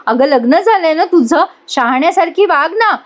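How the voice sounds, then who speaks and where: A woman reading the quoted lines of a calm elder sister who keeps the peace, in a chiding, motherly manner. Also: very high-pitched, moderate pace, voice pushed up.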